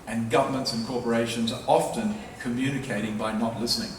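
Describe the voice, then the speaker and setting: This fast-talking man, with a mid-range voice and steady tone, is a professor lecturing to the public in a large university hall. He's emphatic and persuasive, hammering key phrases through repetition. Sound is echoey and distant, with slight noise.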